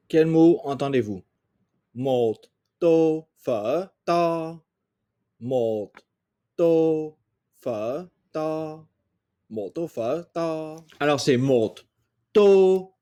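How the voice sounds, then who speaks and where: A man's voice: a little high, darkish tone. A man from France teaching a language lesson, patiently sounding out vowels and repeating each example. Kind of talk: explaining pronunciation in a lesson.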